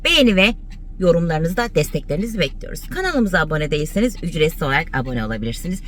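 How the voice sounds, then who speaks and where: A mother vlogging casually, coaxing and calling to her dog in a high sing-song voice. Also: very animated, racing, a little hiss or hum. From Turkey. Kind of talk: casual family vlog.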